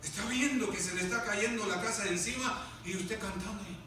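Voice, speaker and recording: High-voiced fervent preaching pastor, echoey. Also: male voice, fairly quick. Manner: preaching, swings from quiet asides to loud fervent outbursts; addresses listeners as "hermano" constantly. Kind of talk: sermon. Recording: echoey church room, mic far away, background noise.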